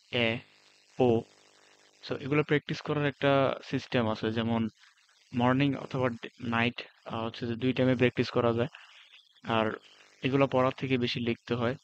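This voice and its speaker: Man, casual lesson, flat monotone delivery, dull lo-fi recording, relaxed pauses, English words mixed in. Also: medium pitch. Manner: relaxed, often pauses with fillers while explaining. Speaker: language teacher. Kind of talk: casual spoken lesson walkthrough. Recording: dull lo-fi sound.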